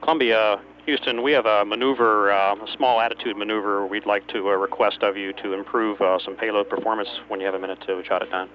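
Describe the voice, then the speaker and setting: Here a ground-control capcom talks quickly and barely pauses, his voice on the low side and his intonation fairly even. His calls to the spacecraft are procedural, with small hesitations between phrases, heard over a dull radio link with a faint hum and noise.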